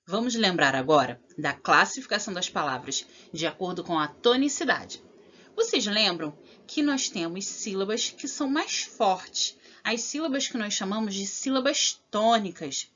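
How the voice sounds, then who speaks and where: A woman teacher, giving a recorded lesson to children, spelling out examples slowly and with clear stress and often checking in with the listener. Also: mid-range voice, lively intonation, fairly bright tone. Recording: dull lo-fi audio.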